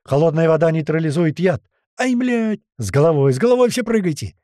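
A man voicing a field medic in an audiobook, yelling urgent orders. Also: a little high, fairly quick, dry recording, studio quality, lightly acted. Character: male field medic shouting warnings.

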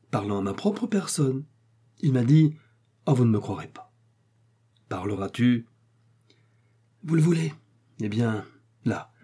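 A man's voice: fairly low pitch, mellow, husky. A man reading a story aloud, voicing a servile, shocked male concierge who stammers and pleads in a raised voice. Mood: agitated. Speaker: character in a read story. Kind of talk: audiobook character reading.

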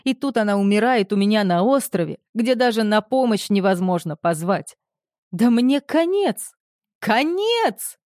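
A woman reading the part of a panicking man who owns the villa, frantic and shouting in an audiobook. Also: mid-range voice, fairly quick, few pauses, no room sound, clean studio sound, close to an everyday voice. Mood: panicked. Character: panicking middle-aged man, villa owner.

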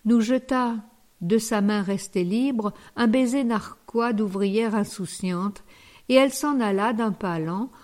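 Slow, measured woman audiobook narrator. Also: on the high side, darkish tone. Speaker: audiobook reader. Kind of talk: scripted narration.

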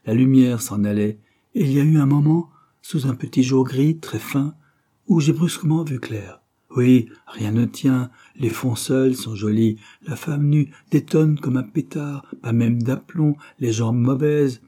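A man voicing an anguished male painter who speaks in broken, passionate outbursts, in a dark, husky voice. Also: medium pitch, unhurried, pitched above the performer's own voice, natural voice. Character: anguished male painter, despairing over his canvas.

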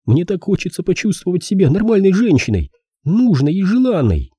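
A man voicing a desperate nineteen-year-old woman in an audiobook, high and pleading. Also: sing-song, fairly quick, warm tone, breathy edge, no room sound, studio quality, exaggerated voice. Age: young adult.

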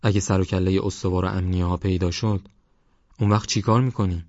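A fretful, pious older village mother in an audiobook, as a male narrator voices her, raised a bit above his low voice. Her speech is worried and devout, with a dry, muffled sound. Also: steady tone, darkish tone, dry recording, natural voice.

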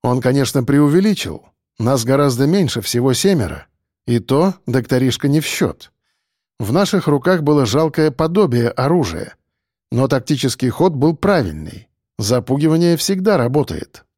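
A man reading first-person scripted narration for an audiobook in an expressive, dramatic way, close to a studio mic. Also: medium pitch, normal speed, no room sound.

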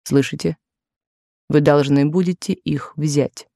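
A woman's voice: deep voice, fairly even intonation, slow pace, creaky, dark tone, no echo, clean studio sound, heavily acted. A woman doing an insistent, possessive male suitor.

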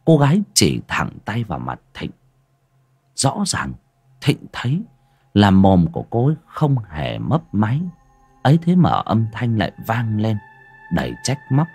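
A man giving dramatic, expressive scripted horror story narration, dropping low and hushed at eerie moments. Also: measured pace, creaky, slightly rough, soft background music.

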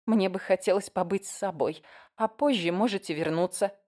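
A woman's voice: medium pitch, moderate pace, darkish tone, natural voice. A woman voicing an anxious, fragile married woman who speaks in a tense, pleading way in an audiobook. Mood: weary.

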